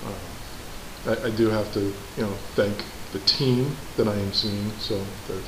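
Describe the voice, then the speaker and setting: A man's voice: fairly low pitch, steady tone, measured pace. A man with a New England accent co-hosting a casual podcast, rambling with many restarts and laughing easily. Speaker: podcast co-host. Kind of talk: casual chat. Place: garage. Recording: echoey room, background noise.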